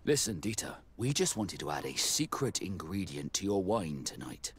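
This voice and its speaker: A man playing an earnest, discreet naval captain with a measured delivery in a video game cutscene. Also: low voice, very animated, breathy edge, heavily acted. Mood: calm, persuasive. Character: naval captain, Vasco, earnest man seeking his origins.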